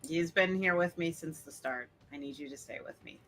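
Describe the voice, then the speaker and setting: Player as a reserved female adventurer, voice changer effect, bright sharp tone, quiet pleading delivery. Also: mid-range voice, fairly quick, faint music behind, poor audio. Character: reserved female adventurer, rarely shows emotion. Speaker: tabletop game player.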